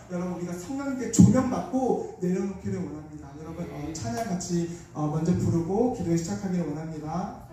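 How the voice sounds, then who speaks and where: A man's voice: high voice, mellow, recorded from a distance, a little hiss or hum. A young man giving a fervent, prayerful revival testimony in a large church. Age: young adult. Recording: echoey church hall from afar.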